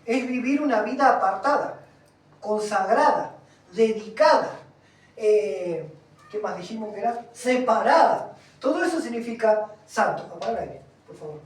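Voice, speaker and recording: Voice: medium pitch, animated, normal speed. A preacher giving an emphatic sermon, reading scripture aloud and putting questions to the congregation. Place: congregation hall, also streamed. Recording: echoey room from far off.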